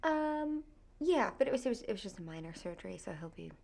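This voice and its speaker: A woman's voice: medium pitch, big pitch swings, fast, creaky. A young woman acting as a flustered bride-to-be in a comedy film, stumbling over her words. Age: young adult. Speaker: actress playing the bride-to-be. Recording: film soundtrack with loud music underneath.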